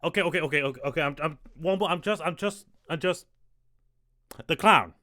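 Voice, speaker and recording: A woman streamer reacting casually to a video, excitable, giggly and rambling. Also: low-pitched, fast.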